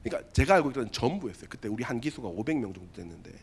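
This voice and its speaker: A man preaching a sermon to teenagers as their youth pastor in a church, telling a story in an animated way and acting out the voices. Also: medium pitch, rapid-fire, creaky, breathy edge.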